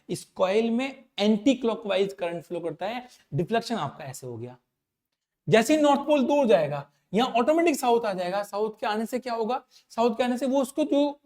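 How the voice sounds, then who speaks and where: A male physics teacher giving an explanatory lecture. He repeats key points and checks understanding with quick questions. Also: extremely high pitch, lively intonation, a little mellow.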